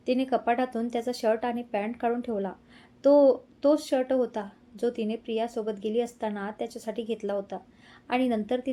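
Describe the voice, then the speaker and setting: A woman narrating a romantic story in a steady, gentle reading voice. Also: on the high side.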